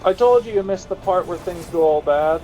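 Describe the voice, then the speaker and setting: A man's voice: high-pitched, a little fast, mellow, poor audio. A man chatting casually while livestreaming a game, explaining mechanics to a friend. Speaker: gamer. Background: game music.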